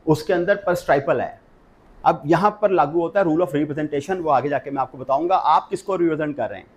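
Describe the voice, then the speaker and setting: A middle-aged man with a Pakistani Urdu accent teaches a law class. His voice sits a little high for a man, and he walks through each point step by step, dropping English legal terms into his Urdu. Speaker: law lecturer.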